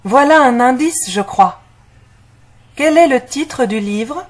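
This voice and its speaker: A woman's voice: high-pitched, animated, slow pace, exaggerated voice. A woman playing a confident, curious young student solving puzzles in a scripted audio story for language learners.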